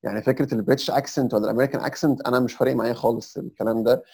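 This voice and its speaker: A man's voice: medium pitch, steady tone, rapid-fire, vocal fry, darkish tone, husky. A young Egyptian man with an Egyptian Arabic accent, a podcast guest explaining advice step by step in a casual chat. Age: young adult. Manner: explains step by step, sprinkles English terms.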